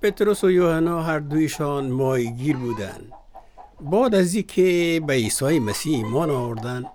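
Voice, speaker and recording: A man's voice: on the high side, expressive, darkish tone, a little hiss or hum, lightly acted. A man with an Afghan Dari accent, acting in a radio drama as a devout husband who patiently explains matters of faith. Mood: earnest. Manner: earnest, explanatory.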